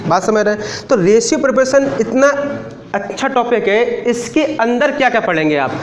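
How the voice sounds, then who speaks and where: A man's voice: very high voice, animated, moderate pace, reverberant. A man teaching maths to a live class in a casual lecture style, often stopping to ask students whether they follow. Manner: talkative, asks students frequent check questions.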